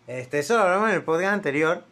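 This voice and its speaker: A young man with a Venezuelan accent, co-hosting a casual podcast chat, slangy and quick to laugh. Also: on the high side, animated, a bit bright. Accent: Venezuelan Spanish. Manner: slangy, laughs often, repeats himself. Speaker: podcast co-host.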